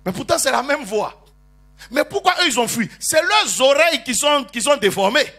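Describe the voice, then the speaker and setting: Preaching as a bishop, a man with an extremely high-pitched voice calls on his congregation to answer amen, jokes and teases them, and builds to loud prophetic declarations. He speaks at normal speed in an animated, call-and-response style.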